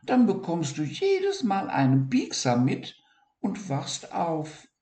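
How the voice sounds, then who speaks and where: A man voicing a prickly male hedgehog in a children's story, speaking in a high falsetto. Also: wildly swooping pitch, slow, mellow, full character voice. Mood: regretful. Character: prickly male hedgehog, gruff then sorry. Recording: roomy echo.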